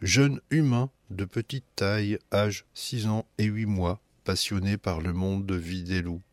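Guy reading a kids story, animated and playful, low voice, dead dry sound. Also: measured pace, dry recording.

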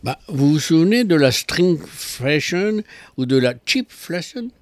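A man's voice: on the high side, animated, measured pace, darkish tone, no echo. A man giving a consumer affairs column on local radio, explaining with ironic asides.

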